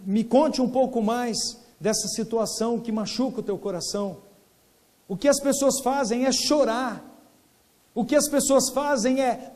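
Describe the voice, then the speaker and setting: A man with a Brazilian Portuguese accent preaching earnestly at a workshop plenary, repeating key phrases and dropping to a hush for emphasis. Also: very high-pitched. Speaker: pastor.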